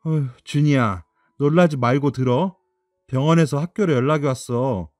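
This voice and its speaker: A man voicing a calm, concerned schoolteacher who breaks bad news gently in a radio drama. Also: mid-range voice, moderate pace, no room sound, clean studio sound, soft background music, lightly acted. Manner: careful, soothing.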